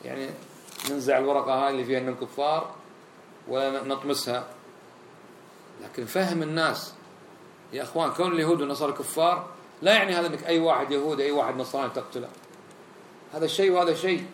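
Animated preacher, fast and roomy. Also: male voice, medium pitch, a little hiss or hum. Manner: animated, acts out quoted voices. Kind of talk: sermon. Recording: roomy echo, faint ambience.

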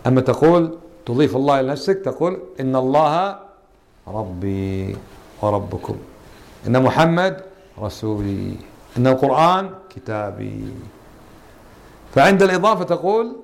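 A man's voice: medium pitch, animated, moderate pace, vocal fry, pauses often. Man teaching a Quran class. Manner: questions students, repeats and stresses words. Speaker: religious teacher. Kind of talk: Quran interpretation lesson.

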